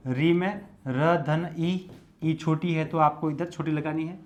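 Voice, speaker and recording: A man's voice: fairly high pitch, fairly even intonation, takes it slowly, a little mellow. A male Hindi lecturer teaching an exam-prep lesson, explaining each step methodically and repeating it while he writes.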